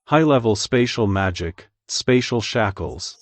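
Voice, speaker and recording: A low-voiced, imperious cold ruler. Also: male voice, animated, measured pace. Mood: ruthless. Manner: imperious, menacing, declarative. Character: cold, commanding young ruler with spatial powers. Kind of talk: dramatic English dub acting.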